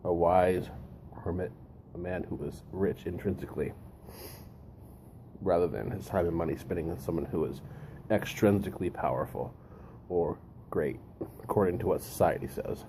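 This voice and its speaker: Male host, deep-voiced and deliberate, musing over readings with pauses, faint-to-clear ambient noise behind. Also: mellow. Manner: deliberate, pausing, repeats phrases for emphasis. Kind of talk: reflective monologue, reading and commenting.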